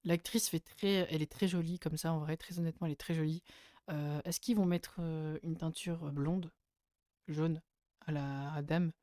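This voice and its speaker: A man giving casual spoken commentary as a YouTuber reviewing casting photos, hesitant with many fillers and sudden bursts of excitement. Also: a little high, moderate pace, dry recording, studio quality.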